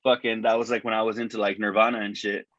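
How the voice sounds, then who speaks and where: A man's voice: on the low side, little pitch movement, quick pace, a bit bright, no room sound. A man chatting loosely as a podcast co-host, his voice thin and tinny through a wireless earbud mic. The lo-fi sound has a dull top end, and the room is dry and close. He rambles along, piling up swear words and fillers. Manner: rambling, heavy cursing and fillers. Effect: tinny sound from earbud microphone. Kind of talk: casual chat. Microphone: wireless earbuds as microphone.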